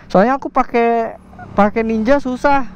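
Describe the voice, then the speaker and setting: A man's voice: very high voice, moderate pace, a little hiss or hum. A young man vlogging by a roadside on his motorbike, talking in casual slang and soothing someone with repeated reassurances. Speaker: motovlogger host. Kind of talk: casual roadside vlog talk. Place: outdoors by a roadside. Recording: dull lo-fi sound with faint music.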